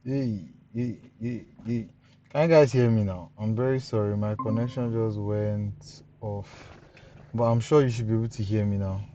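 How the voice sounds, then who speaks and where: A man's voice: lowish voice, steady tone, normal speed, mellow. A man teaching an online design class, sounding apologetic and flustered over his audio, heard through a muffled, patchy video-call connection. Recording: muffled lo-fi call with faint noise.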